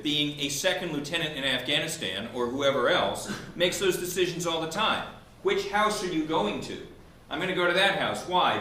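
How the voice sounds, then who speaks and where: On the high side and sharp in tone, this man's voice belongs to a law professor arguing a point of law during a debate. He explains step by step, raising and answering his own questions in an argumentative way. The setting is an indoor law school event, captured with roomy echo and faint background noise.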